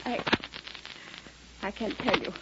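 An actress playing a proud, distraught, respectable housewife, prim and guarded, in a 1940s radio drama. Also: female voice, takes it slowly, close to an everyday voice. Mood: guarded distress. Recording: muffled, very noisy vintage radio recording.

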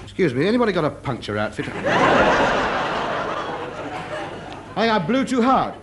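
Pompous would-be Scottish laird, animated, high-pitched. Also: male voice, rapid-fire, over a noisy crowd. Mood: sheepish. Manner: pompous, theatrical, mock-Scottish phrasing. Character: pompous, self-deluded man playing at being Scottish laird. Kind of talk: studio radio sitcom acting. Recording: noisy vintage radio comedy recording.

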